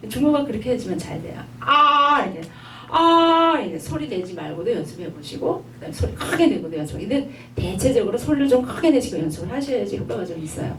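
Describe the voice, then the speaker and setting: A woman lecturing in an online class, patient and repetitive, stopping to model drawn-out sounds. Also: medium pitch, very animated, recorded from a distance. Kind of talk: online lifelong-learning lecture. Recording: echoey room, voice off-mic, faint hum.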